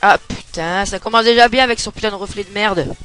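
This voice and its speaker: A young man with a fairly high voice talks his way through a game in a loose, chatty manner. He swears when a fight goes wrong. Soft game music plays under his voice. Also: fairly quick, clean tone, poor audio. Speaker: let's play gamer. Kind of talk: casual gameplay commentary.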